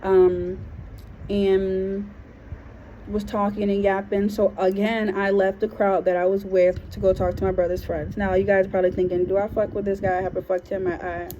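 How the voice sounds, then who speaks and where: A woman from Liberia tells a personal story in a loose, frank, slangy way, full of fillers. Her voice is warm and mellow. The recording is dull and lo-fi, with a faint hiss of noise behind her. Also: medium pitch, level tone, normal speed. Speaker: vlogger. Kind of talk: casual storytelling.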